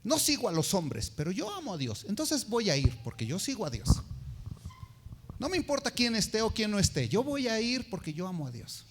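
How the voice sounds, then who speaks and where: A man's voice: high-pitched, wildly swooping pitch, normal speed, slight background noise. A man preaching a sermon, telling a personal story and acting out the voices of the people he quotes.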